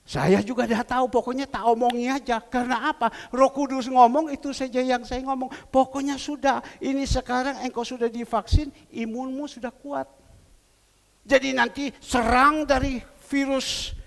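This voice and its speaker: A male pastor, preaching and retelling phone calls as animated dialogue. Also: very high-pitched, moderate pace, vocal fry. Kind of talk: sermon. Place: church hall. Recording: reverberant church hall.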